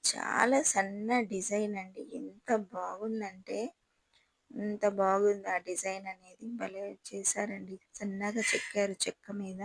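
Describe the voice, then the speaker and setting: A woman's voice: medium pitch, flat delivery, measured pace, gravelly, slightly rough, dry recording, low-quality recording. A woman gives a chatty, admiring guided tour and talks straight to her viewers. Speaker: travel vlogger touring a palace. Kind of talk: casual guided tour narration.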